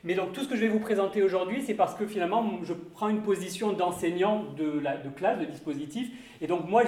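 A man's voice: high-pitched, darkish tone, reverberant. A man giving an academic conference talk on accents, thoughtful and hedging, with many fillers and restarts. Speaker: lecturer on accents.

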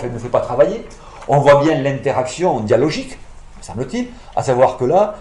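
A man's voice: mid-range voice, darkish tone. Hesitant male lecturer in echoey room. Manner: hesitant, many fillers and self-corrections, explanatory. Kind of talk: academic lecture.

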